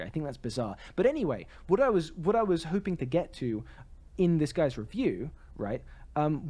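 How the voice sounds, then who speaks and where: A man with a mellow, medium-pitched voice co-hosts a podcast, trading articulate, opinionated remarks in a casual talk about theatre.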